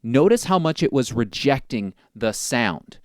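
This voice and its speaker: A man gives a casual, hands-on gear demonstration. His medium-pitched voice moves with very animated intonation as he explains things informally, like a presenter walking through a test. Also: measured pace. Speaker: presenter testing microphones. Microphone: test microphones at varying distances, clip-on and shotgun.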